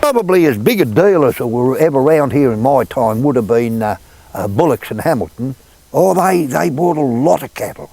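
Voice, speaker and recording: An older man with a rural Australian accent shares memories in a laconic country drawl. His pitch is average and the sound is close and dry. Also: animated, fairly quick, vocal fry, warm tone, no echo. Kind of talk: oral-history reminiscence.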